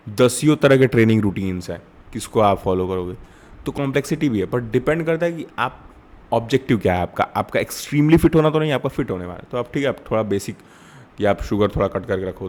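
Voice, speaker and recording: Young male host, low register; reflective, unscripted, thinks aloud with frequent restarts. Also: a little mellow. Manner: mixes Hindi with English, thinking aloud with fillers and restarts. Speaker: channel host. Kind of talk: reflective monologue.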